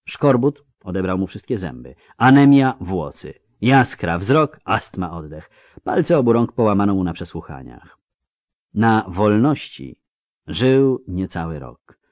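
A man narrating a fantasy audiobook in a measured, dramatic way, slowing down for effect on key phrases. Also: deep voice, sing-song, a little mellow, no echo, studio quality.

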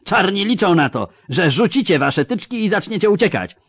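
A man's voice: high-pitched, big pitch swings, normal speed, fairly bright tone, slightly rough, no room sound, voice pushed up, exaggerated voice. A man voicing a crude, sarcastic army commander who mocks and bellows orders at his foot soldiers in an audiobook. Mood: bellowing. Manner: mocking, coarse, barking orders. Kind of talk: audiobook character voice.

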